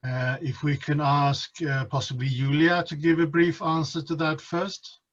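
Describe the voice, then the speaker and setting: A man's voice: on the high side, little pitch movement, normal speed, fairly bright tone. A man moderating a panel question session over an online call with lo-fi sound. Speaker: webinar moderator. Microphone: video call. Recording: dull, lo-fi online call audio.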